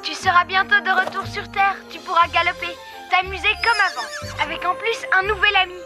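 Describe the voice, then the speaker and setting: A woman's voice: extremely high pitch, fairly even intonation, a little fast. A woman voicing a small, playful, cheeky Christmas elf in a French children's cartoon, exclamatory in manner. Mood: tender. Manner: gleeful, exclamatory. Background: music.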